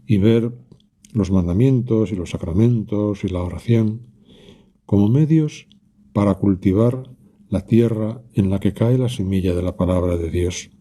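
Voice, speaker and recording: A man with a fairly low, very dark and mellow voice, leading a quiet prayer meditation. He talks calmly and reflectively, addressing Jesus directly and pausing often between phrases. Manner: calm, reflective, speaks directly to Jesus with pauses.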